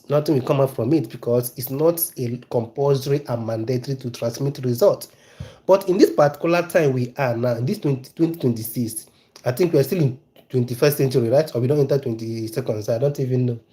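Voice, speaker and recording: A man's voice: medium pitch, mellow. A man with a Nigerian accent talks casually to his live-stream audience. He presses his points hard and repeats key phrases again and again. He breaks off now and then to greet viewers and answer their questions in the chat. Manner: emphatic and repetitive, hammers key phrases. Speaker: news commentary live streamer.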